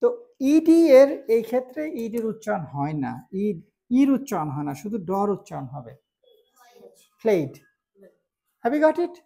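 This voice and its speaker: Gravelly-voiced woman teaching pronunciation. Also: mid-range voice, very animated, mellow. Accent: Bangladeshi. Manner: explains slowly, repeats words, asks "clear?". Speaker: English teacher. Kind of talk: spoken English lesson.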